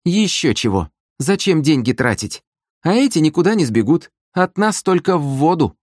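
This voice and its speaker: A man voicing a sly, cruel young woman in an audiobook, speaking in a high, petulant, mocking voice. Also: big pitch swings, moderate pace, darkish tone, breathy edge, no echo, clean studio sound, exaggerated voice. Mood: smug. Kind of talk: audiobook character voice.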